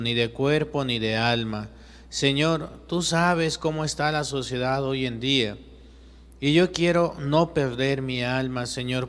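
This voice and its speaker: A man playing a devout teenage boy in slow, humble prayer, in a reverberant space. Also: mid-range voice, lightly acted. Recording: long echoey reverb.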